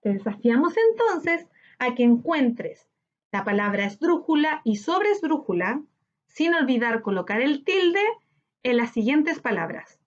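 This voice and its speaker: Slow, lively woman teaching grammar. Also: sits high. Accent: Chilean Spanish. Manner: slow, clear, syllable-by-syllable teaching delivery. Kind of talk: recorded grammar lesson for children. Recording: slightly dull lo-fi audio.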